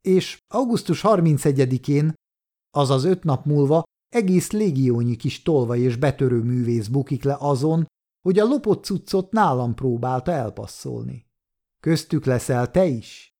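A man reading the part of a sly male shop owner, secretly a police detective, with a calm, mocking self-assurance. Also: mid-range voice. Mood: sly, cool.

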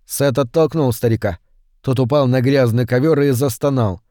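A man narrating a horror audiobook in a steady, measured reading voice on a close mic. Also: medium pitch, no echo.

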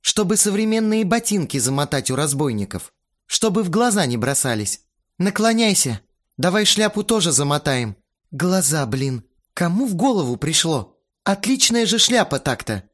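A man voicing a brisk, bossy young woman organizing a film shoot in an audiobook. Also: on the high side, very animated, fairly bright tone, voice pushed up. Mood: practical. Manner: commanding, brisk.

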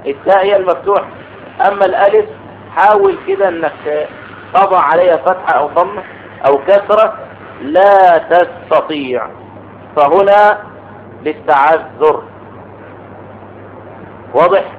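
A man's voice: sits high, sing-song, moderate pace, long pauses. A man teaching an Arabic grammar lesson, explaining step by step and asking the class questions. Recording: tinny phone-like recording with faint noise.

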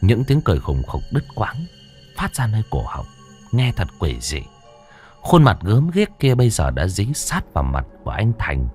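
A man's voice: fairly low pitch, huge pitch swings, moderate pace, darkish tone, faint music behind. A man narrating a first-person horror story for an audiobook, drawing out the eerie passages with dramatic delivery.

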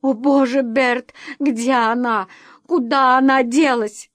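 A woman's voice: on the high side, a little slow, darkish tone, no echo. A woman voicing a young mother who is frightened and close to tears, speaking in a pleading, rising tone. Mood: panicked. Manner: tearful, pleading, rising in alarm. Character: frightened young mother searching for lost daughter. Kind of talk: audiobook character voicing.

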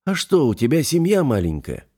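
A man's voice: fairly high pitch, huge pitch swings, a little fast, darkish tone, pitched above the performer's own voice. A man voicing a wry, practical young male hero, close to his own reading voice. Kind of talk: audiobook character voice.

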